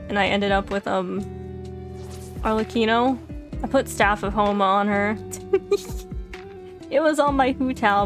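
Over lofi background music and game audio, a VTuber streamer chats about her gameplay in a mid-range voice. She's a young woman from Texas with a gentle southern lilt, giggly and talkative, laughing frequently.

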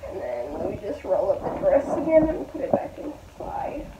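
A woman in her twenties chats to viewers and thinks out loud while packing clothes for a casual vlog, her pitch swinging wildly at a moderate pace. She films on a phone set low on the floor of a small bedroom. The room echoes, the sound is tinny and phone-like, and there's plenty of background noise.

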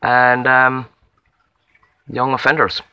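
A man's voice: medium pitch, completely flat delivery, slow pace, bright, forceful tone, clean tone, highs cut off. A young man with a Limerick Irish accent, recording a casual self-introduction audition outdoors in a wood, rambling and self-deprecating with many fillers and restarts. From Limerick, Ireland. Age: young adult. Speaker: acting auditionee.

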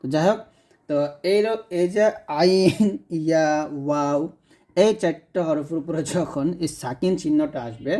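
A man gives a recitation lesson. He has a fairly high, mellow voice. He repeats each sound patiently, slowly drawing it out. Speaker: Quran recitation teacher. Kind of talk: tutorial lesson explaining letters.

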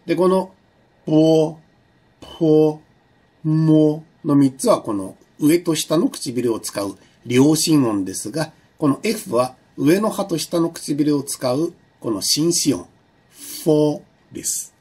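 A male lecturer with a somewhat high, slightly husky voice, delivering a recorded online class. His tone is mellow and soft-edged. He explains patiently, leaning on small fillers, and he slows down to model individual sounds. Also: sing-song. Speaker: university lecturer.

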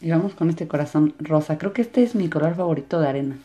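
A woman's voice: sits low, quick pace, mellow. A woman hosting a casual hands-on demonstration aimed at children. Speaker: host of a children's toy and slime channel.

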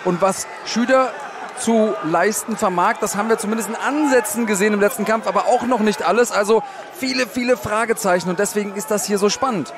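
High-voiced male fight analyst over loud crowd. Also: fairly quick. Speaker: expert co-commentator. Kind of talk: live fight commentary, analytical. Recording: loud arena crowd noise behind.

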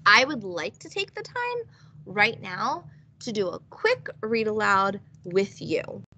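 A woman early childhood teacher giving a read-aloud lesson in an online meeting, expressive and questioning. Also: mid-range voice, takes it slowly, a little hiss or hum, low-quality recording.

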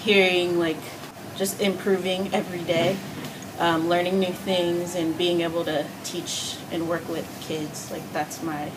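A woman's voice: lowish voice, flat delivery, measured pace, far from the mic, noisy background. A young woman camp counselor answering an interview casually and hesitantly, with many fillers.

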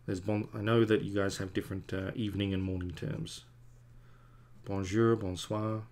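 Drawing at the desk in his home studio, the fortysomething comic artist keeps up a meandering, self-deprecating conversation with stream viewers. He speaks at a moderate pace in a lowish, level voice with a darkish tone.

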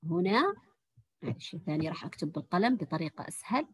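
A woman teaching a lesson to young girls, praising each answer and sounding out words slowly. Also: fairly low pitch, very animated, breathy edge. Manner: warm praising teacher, drawn-out encouraging words. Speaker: primary school teacher. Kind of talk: online Arabic language lesson for young girls.

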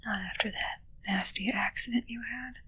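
Her voice a little high, a young adult woman plays a sinister witch who raises corpse familiars, acting heavily in an ASMR roleplay. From a small, dark, curtained room, she whispers close to the mic near the camera, slow, breathy, cool and musing, soothing yet menacing and controlling.

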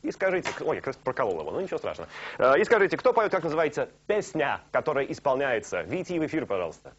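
Talking very fast in a medium pitch, a young late-night host jokes and teases from his studio sofa in lively live banter. The dull lo-fi broadcast tape carries slight background noise.

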